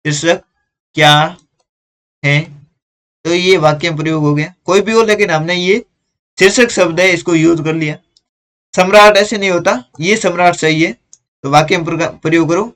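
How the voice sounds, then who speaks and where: A man with a fairly high voice teaches a workbook lesson. He walks through each exercise patiently, one step at a time, correcting the words as he goes. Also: steady tone, a little fast, fairly bright tone.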